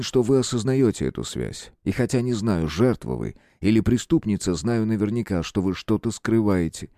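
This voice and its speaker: A man's voice: on the low side, warm tone, no room sound. A man voicing a composed detective who speaks in a dry, stern, restrained way. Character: stern composed male detective, young nobleman.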